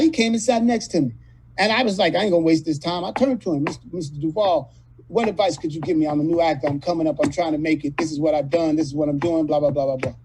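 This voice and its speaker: A man in his late fifties from California, telling rough, profane stories as a guest in a casual interview. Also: a little high, a little mellow, a little hiss or hum, poor audio. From California, USA. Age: 50s. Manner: profane, rambling, street-talking storyteller. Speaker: actor guest.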